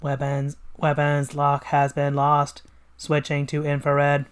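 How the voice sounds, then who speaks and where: This is a metallic, robotic evil double voiced by a reader in a comic read-along. It speaks in clipped, monotone announcements with no warmth at all. The pitch sits in an ordinary middle range, held flat and mechanical. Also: takes it slowly, clear, resonant tone, lightly acted.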